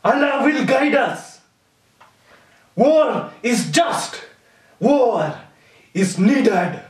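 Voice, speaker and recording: A young man acting a fanatical militant captor, ranting in a very high, strained shout with slow delivery. The voice comes from across an echoey room. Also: very animated, far from the mic, exaggerated voice. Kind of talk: amateur film acting.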